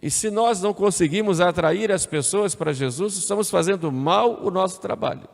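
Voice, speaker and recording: This homily comes from a priest with a high, gravelly voice speaking at a moderate pace. He talks in a conversational style, repeating phrases and adding tag questions. Sound bounces around the church with long reverb.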